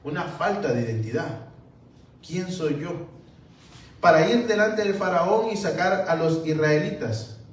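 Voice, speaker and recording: A man preaching a sermon as a pastor, slow and deliberate, calling his listeners brothers. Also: on the high side, expressive. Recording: roomy echo from far off with faint background noise.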